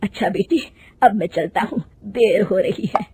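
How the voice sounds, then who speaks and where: A woman voicing a kindly old male clerk who calls out slowly and loudly in a cartoon story. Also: mid-range voice, very noisy, lightly acted. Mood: worried. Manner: calling out loudly, slow.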